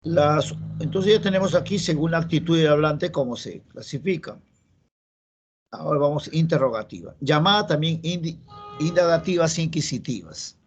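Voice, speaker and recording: Teaching grammar in a classroom lecture, a Peruvian-accented man speaks at a moderate pace in a slightly high voice. He repeats key phrases and checks on his students, and the recording is lo-fi with slight background noise.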